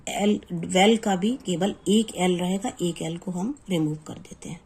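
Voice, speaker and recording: A woman teaching an exam-prep grammar lesson, reading English rules slowly word by word and then explaining them. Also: lowish voice, a little mellow, slightly rough, poor audio.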